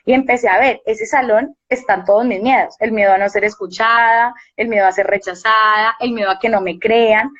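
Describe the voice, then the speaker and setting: Young woman, earnest and reflective, slightly high voice, muffled live-stream sound. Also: fairly even intonation, normal speed, few pauses, fairly bright tone. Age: young adult. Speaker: university teacher and guest. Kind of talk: casual live-stream chat.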